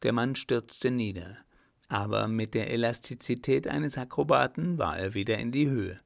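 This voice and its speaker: Brief: male storyteller, mid-pitched, slow measured reading with fry. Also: dry recording, studio quality. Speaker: audiobook narrator. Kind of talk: scripted narration.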